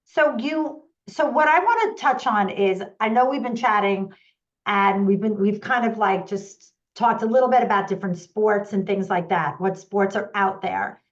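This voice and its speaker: A woman's voice: mid-range voice, normal speed. Female host, eager interviewer, slightly dull video-call sound. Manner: enthusiastic, interjects, repeats key points. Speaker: host, parenting coach. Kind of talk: conversational interview.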